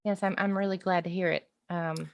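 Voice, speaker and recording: A woman's voice: on the low side, steady tone, fairly quick, vocal fry. A woman voicing a polite, earnest noble lady adventurer with folksy phrasing and a diplomatic manner in a tabletop game.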